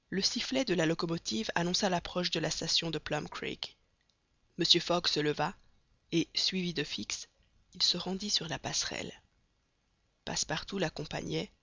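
Measured audiobook narrator, dry close sound. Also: mid-range voice, creaky, pushed and bright, slightly rough, no echo. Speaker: audiobook reader. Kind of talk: scripted classic novel narration. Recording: dull, dry recording.

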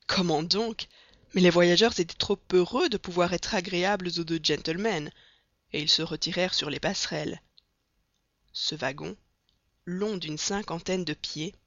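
Measured audiobook narrator, dry close sound. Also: medium pitch, a bit bright, no echo. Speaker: audiobook reader. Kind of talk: scripted classic novel narration. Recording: dull, dry recording.

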